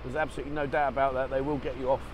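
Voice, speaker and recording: Speaking at a racing pace in a flat, medium-pitched voice, a vlogger rambles casually and swears here and there. He's on a motorbike in rainy town traffic, holding an action camera, with street and traffic noise audible.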